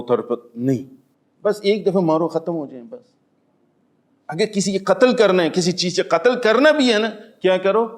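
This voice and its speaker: A man giving a spoken religious lesson to an audience. He poses questions and answers them himself with everyday examples, swinging between raised emphatic lines and low, quiet asides. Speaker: Islamic teacher giving Quran commentary.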